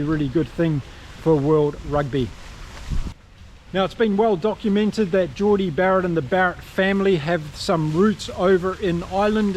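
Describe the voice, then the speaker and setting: On a low-quality recording with slight background noise, a high-voiced man with a New Zealand accent chats cheerfully about rugby, speaking directly to the viewers watching his vlog.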